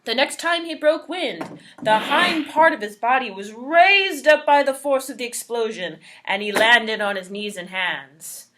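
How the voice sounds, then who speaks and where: A woman storyteller narrating a trickster folktale in an expressive, deliberate and dramatic way. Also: on the high side, background noise.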